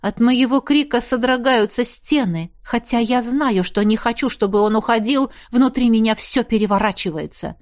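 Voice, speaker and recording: A woman's voice: fairly high pitch, normal speed, hardly any pauses, a little mellow. A woman narrating a first-person story as an audiobook reader, intimate and emotional.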